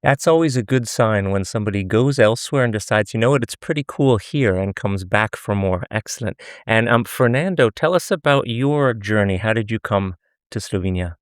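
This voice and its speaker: A man's voice: on the low side, animated, normal speed, smooth, no room sound, clean studio sound. A man hosting a podcast interview, asking questions in a friendly, conversational way. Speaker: podcast host.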